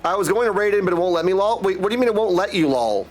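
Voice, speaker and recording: Racing along in a high-pitched, animated voice, a live streamer gushes affectionate hellos to chat, often saying dudes, while he chats casually. Slight background noise can be heard.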